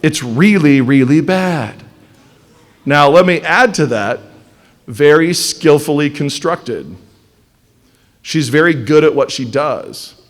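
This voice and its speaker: A man giving a blunt, animated lecture to a live class, sometimes mocking the voices of others. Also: fairly high pitch, takes it slowly, long pauses. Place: classroom or hall with audience.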